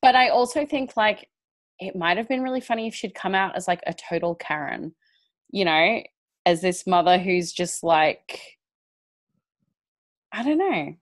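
Female podcast co-host, casual chat, animated delivery, lively pitch, dry close mic. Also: unhurried, pauses often, dry recording. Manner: animated, laughs often, swoops up in pitch. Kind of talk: casual chat reviewing a TV competition.

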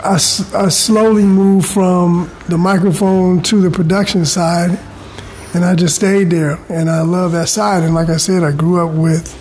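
An unhurried middle-aged man from California, his voice sitting high with a darkish, level tone, talks casually as a guest in an interview. He keeps things informal, frequently saying "you know" and "man." Faint background noise runs through the poor-quality audio.

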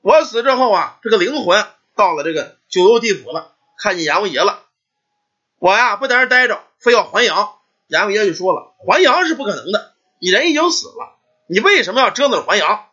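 Brief: grieving ghost son, put on by a male storyteller, lower and heavy, husky, dull lo-fi sound. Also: sing-song, brisk, pushed and bright, exaggerated voice. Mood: sorrowful. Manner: lowered, heavy, sorrowful delivery. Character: devoted young man's ghost, once mute, sorrowful. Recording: dull lo-fi recording.

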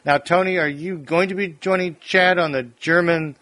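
A man hosting a casual podcast, teasing his guests and asking quick questions. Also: sits high, fairly even intonation, pushed and bright, no echo.

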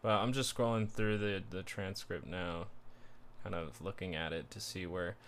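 A man giving rambling, sardonic solo commentary in a casual self-described monotone, with frequent fillers and restarts. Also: sits low, normal speed, slight background noise. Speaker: commentary streamer.

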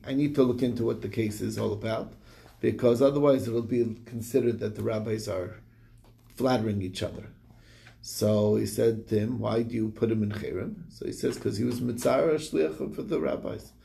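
Gravelly man retelling a Talmud story. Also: medium pitch, mellow. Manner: retells the story in quoted dialogue, with many fillers and restarts. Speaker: Talmud study reviewer.

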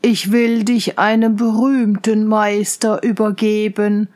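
A woman voicing a stern old male count who is quick to anger, speaking in a slow, lowered, solemn voice in a fairy tale reading. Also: little pitch movement, a little mellow, lightly acted.

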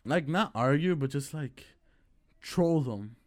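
A man's voice: fairly high pitch, expressive, slow. A young man from Chicago, a podcast guest, rambling and laughing as he tells a story and acts out both sides of an argument. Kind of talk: casual storytelling chat.

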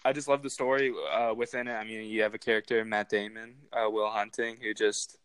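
A young man co-hosting a podcast, talking about films in a relaxed, rambling way. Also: on the low side, brisk, clear, resonant tone, dry recording, poor audio. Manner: relaxed, rambling, with fillers and restarts. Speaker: podcast co-host. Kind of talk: casual movie chat.

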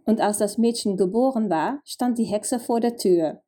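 A woman narrating a fairy tale, gently addressing the listener directly. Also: fairly high pitch, moderate pace. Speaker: storyteller.

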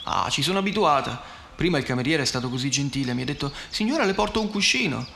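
A man reading a story voices a frank, cheerful pregnant young woman friend in a raised, bright tone. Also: on the high side, very animated, fast, creaky, slight background noise, exaggerated voice. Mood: lively.

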